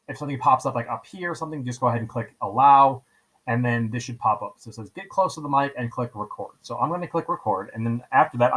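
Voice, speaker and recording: A man teaches a software tutorial in a casual screen-recording style, walking through each step, repeating himself and frequently checking in with "right?" His voice is medium-pitched with a fairly bright tone, and the audio is poor.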